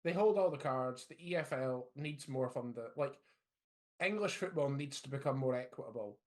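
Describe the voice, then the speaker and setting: A man's voice: medium pitch, lively intonation, normal speed. A man co-hosting a casual football podcast, blunt and opinionated. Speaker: podcast co-host.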